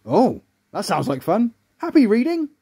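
Man doing a high polite egg boy. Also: wildly swooping pitch, measured pace, gravelly, husky, full character voice. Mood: friendly. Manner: polite, bright. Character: friendly young male egg schoolboy.

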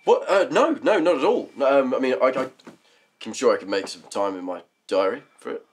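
An actor playing a hapless young man in a sitcom, awkward and stammering, with a slightly husky voice. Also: fairly low pitch, fairly quick, close to an everyday voice. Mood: flustered. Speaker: lead character in comedy series. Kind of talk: sitcom acting.

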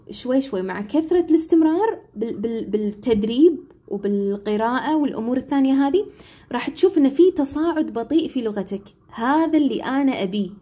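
A young woman talks quickly and casually to her live-stream audience, like an English teacher giving advice. Her voice sits a little high, with a mellow, slightly husky tone. She keeps checking in with her listeners as she goes. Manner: chatty, asks listeners "right?" often.

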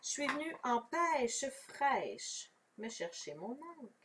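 A Québécois woman talks viewers through a card-making demo in a relaxed, chatty way. Her fairly high voice rises and falls a lot as she explains each step. She sits a little back from the mic. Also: slow, noisy background. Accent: Québécois French. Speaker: crafting demonstrator. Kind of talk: casual live craft tutorial. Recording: voice somewhat far from the mic.

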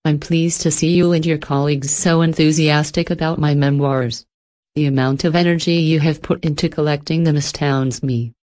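A poised, cultured ancient entity voiced by a woman speaks in a low, soft, even tone. Every word is measured and unhurried, courteous on the surface but menacing beneath. It belongs to a horror storybook reading. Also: lightly acted. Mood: menacing, amused. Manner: even, measured, softly spoken.

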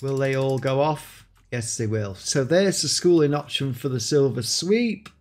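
Speaking at a measured pace in a medium-pitched, slightly mellow voice, a man hosts a gameplay showcase. His commentary is excited, and he exclaims often while showing off new creatures.

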